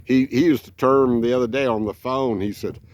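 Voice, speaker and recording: A man's voice: mid-range voice, fairly even intonation, moderate pace, a little mellow, slight background noise. Rambling folksy old man. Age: 70s. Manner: rambling, folksy, many fillers. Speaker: RV vlogger. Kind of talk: casual storytelling.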